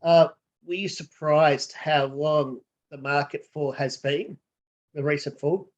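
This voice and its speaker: Friendly man interviewing, higher voice. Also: steady tone, takes it slowly. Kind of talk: interview questions.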